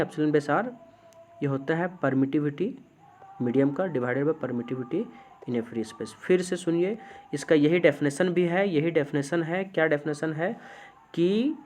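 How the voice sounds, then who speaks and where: A man's voice: fairly high pitch, a little hiss or hum. Man lecturing on physics, questioning the class. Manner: asks the class questions and answers them himself; slows down to dictate definitions. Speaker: physics teacher.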